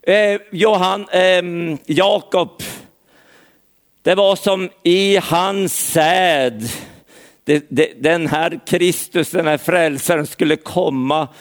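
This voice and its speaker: Earnest Swedish-language preacher, fairly high voice. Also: male voice. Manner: earnest preaching, addresses listeners by name. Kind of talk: sermon.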